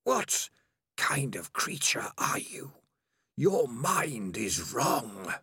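A man voicing a malevolent, hissing creature that speaks into the mind, slow and drawn out. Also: medium pitch, sing-song, pushed and bright, husky, no room sound, clean studio sound, heavily acted. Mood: menacing. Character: hissing malevolent many-minded rat creature voice.

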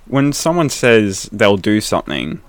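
Blunt, low-voiced young man joking. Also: big pitch swings, a little slow, no echo. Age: young adult. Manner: blunt, swears freely, jokey mock voices. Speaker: co-host. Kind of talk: casual reaction chat.

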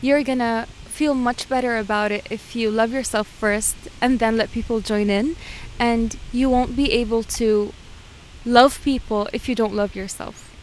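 A woman's voice: on the high side, steady tone, a little slow, a little hiss or hum. Earnest woman giving heartfelt advice. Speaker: interview guest. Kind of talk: casual interview.

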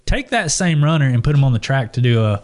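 A man's voice: mid-range voice, sing-song, quick pace. A man co-hosting a podcast in casual chat, talking enthusiastically and restarting his sentences often. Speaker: podcast co-host.

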